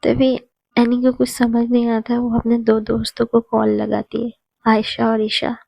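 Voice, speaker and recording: A woman narrates a story in a plain, steady reading. Her pitch is somewhat high but stays flat, and the tone is mellow. The recording is dry and close to the mic. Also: unhurried, creaky, dry recording.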